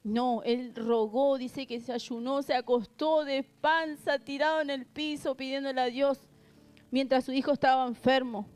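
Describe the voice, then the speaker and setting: A woman preacher delivers a sermon in a somewhat high voice. She reads scripture aloud and turns to the congregation with earnest rhetorical questions. Quiet music plays faintly behind her. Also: fairly even intonation, a little slow.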